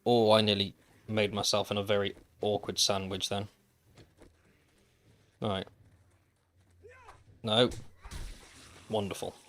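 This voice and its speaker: A man's voice: on the low side, flat delivery, slow, pauses often, a bit bright. A man streaming a survival game, chatting casually to viewers with dry, wry asides. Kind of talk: casual gameplay commentary. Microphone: desk microphone.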